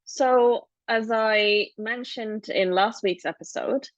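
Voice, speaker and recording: A woman in her thirties from Hong Kong co-hosts a casual podcast, telling her family's story in a thoughtful, explanatory way. She speaks slowly in a fairly high voice, and the recording has no echo but the highs are cut off.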